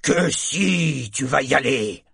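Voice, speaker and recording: A man's voice: medium pitch, animated, measured pace, a bit bright, slightly rough, no room sound, clean studio sound, exaggerated voice. A man voicing a brutish, bullying sailor who talks coarsely and menacingly. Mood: taunting.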